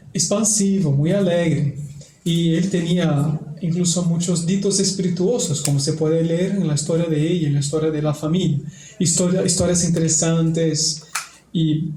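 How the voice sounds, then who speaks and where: Mellow-voiced priest in a cathedral-like echo. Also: male voice, on the high side. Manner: didactic, repeats phrases for emphasis, tag questions. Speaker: priest giving a family workshop. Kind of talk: religious talk and prayer. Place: large reverberant indoor room. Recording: echoey cathedral-like room, faint background noise.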